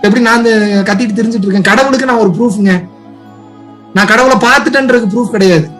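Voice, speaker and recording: A man with a very high voice gives a spiritual talk, pressing listeners with one rhetorical question after another. He swings from loud, pleading urging to soft asides. Faint music plays behind him. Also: fast. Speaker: spiritual teacher. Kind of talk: impassioned spiritual talk to viewers.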